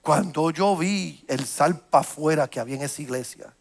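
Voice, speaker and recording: High-voiced gravelly male preacher telling a story. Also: normal speed. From United States. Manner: storytelling with repeated restarts, animated. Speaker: pastor. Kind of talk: sermon.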